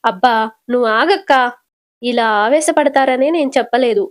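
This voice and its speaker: A woman voicing a gentle, dutiful young wife who soothes and pleads in a retold serial. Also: sits high, normal speed, lightly acted. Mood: pleading.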